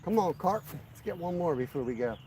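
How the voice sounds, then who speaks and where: A man's voice: a little high, lively intonation, fairly quick, noisy background. A man hosting a fishing vlog outdoors by a river, chatting easily and speaking straight to his viewers. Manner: easygoing, talks straight to viewers. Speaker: fishing channel host. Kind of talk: casual outdoor vlog chat.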